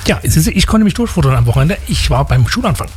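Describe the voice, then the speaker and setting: A man from Leipzig with a Saxon German accent and a slight lisp chats casually, rambling and joking about himself as a radio host. His voice is fairly high, sing-song, fast and a bit breathy, full of fillers and restarts, with faint music behind.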